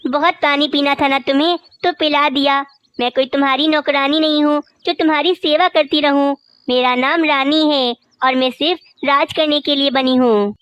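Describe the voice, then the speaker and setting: Woman doing a bossy lazy crow wife, high and snippy, dry cartoon sound. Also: fairly even intonation, normal speed, no echo, dull audio. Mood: scornful. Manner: sharp-tongued, scornful. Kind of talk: cartoon voice acting.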